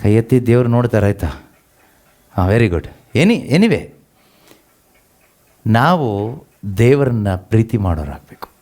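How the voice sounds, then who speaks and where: A man's voice: medium pitch, very animated, measured pace, long pauses, a little mellow. A man preaching a sermon, asking the congregation rhetorical questions and repeating scripture lines after them. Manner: has the congregation read verses aloud and repeats each line after them.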